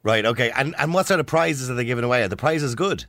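Irish male radio host: quick, lively delivery, chatty and jokey, dry close studio sound. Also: medium pitch, no room sound. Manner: jokey, conversational. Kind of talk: chatty phone interview.

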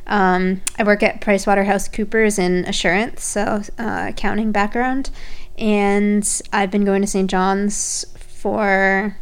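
A young adult woman chatting casually as a podcast guest, friendly and quick to giggle. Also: medium pitch, level tone, smooth.

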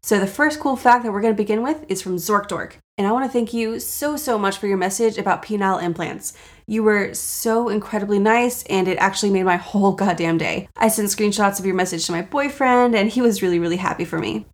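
A woman hosting a casual, jokey solo podcast, self-deprecating and sweary, with a raspy voice, audible vocal fry and a sore throat. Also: medium pitch, a little fast. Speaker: podcast host.

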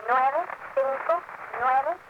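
Brief: woman in a slow monotone numbers-station read over tinny shortwave radio. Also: high-pitched. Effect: shortwave radio broadcast through static.

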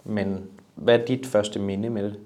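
A man interviewing a guest, asking calm, measured questions. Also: fairly low pitch.

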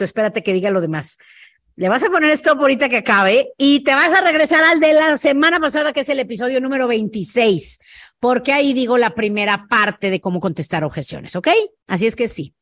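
A woman's voice: fairly high pitch, brisk, a bit bright. A Mexican woman hosting a casual coaching podcast, chatty and digressive, acting out sales conversations. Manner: chatty, digressive, role-plays sales dialogues. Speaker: podcast host.

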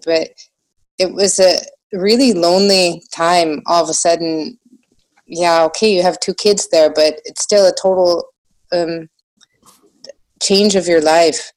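An American woman with a slight German accent, chatting casually and haltingly in an interview, often restarting her sentences. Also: lowish voice, fairly even intonation, a little mellow. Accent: American with a slight German influence. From United States. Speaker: podcast guest, small shop owner.

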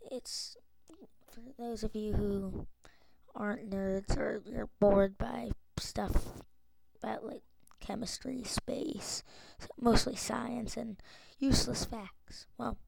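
A woman's voice: mid-range voice, creaky, darkish tone, slight background noise. A woman hosting a casual solo podcast intro, hesitant and full of fillers, with the hiccups. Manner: hesitant, many fillers and restarts. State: has the hiccups. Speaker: podcast host.

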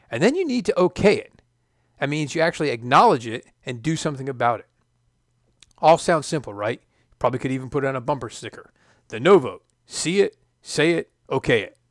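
A middle-aged man, a former test pilot, hosting a scripted podcast monologue in a measured, emphatic way with dry asides. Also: medium pitch, no room sound.

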